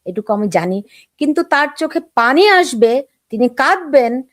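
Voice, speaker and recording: A middle-aged woman hosts a political talk show and asks probing questions in an easy conversational tone. Her voice is a little high, and it sounds dry and close to the mic. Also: sing-song, normal speed, no echo.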